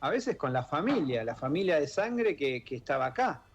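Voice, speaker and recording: The speaker, raised in Argentina after being born in Italy, talks in a sing-song, slightly high voice at a moderate pace, with the highs cut off. He's a radio studio guest, an author and exile-children group member, speaking Rioplatense Spanish thoughtfully amid frequent fillers and restarts.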